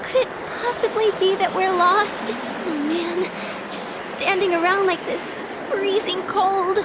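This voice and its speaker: A woman voicing a shy, gentle teenage schoolgirl in a video game, speaking softly and earnestly. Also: extremely high pitch, fairly even intonation, a little slow, very noisy. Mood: anxious. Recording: game audio with background music.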